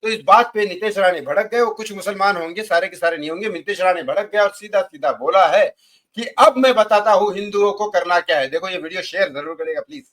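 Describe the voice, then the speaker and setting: Male YouTube news host, high voice, emphatic and repetitive commentary. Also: brisk, a bit bright. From India. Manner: emphatic, repetitive, pleading with viewers. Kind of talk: excited political news commentary.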